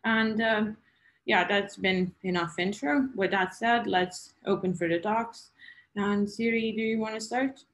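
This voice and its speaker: A woman moderating an online talk series, briskly introducing the speakers one after another. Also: mid-range voice, fairly even intonation, a bit bright, a little hiss or hum.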